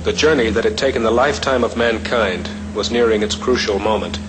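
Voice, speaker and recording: A man reading scripted documentary narration in a measured, formal manner. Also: on the low side, steady tone, music in the background. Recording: noisy archival film soundtrack.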